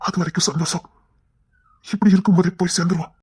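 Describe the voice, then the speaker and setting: A man voicing Kingston, a husky tender husband. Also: high voice, fairly even intonation, quick pace. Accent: Kanyakumari Tamil. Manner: soft, tender, often hushed. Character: gentle young husband and father, Kingston. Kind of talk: cartoon web series voice acting.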